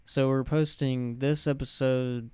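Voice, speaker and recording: Young male podcast host, clear resonant voice, dry close sound, casual and rambling. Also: medium pitch, steady tone, a little slow, a little mellow, no echo. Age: young adult. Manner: rambling, self-correcting.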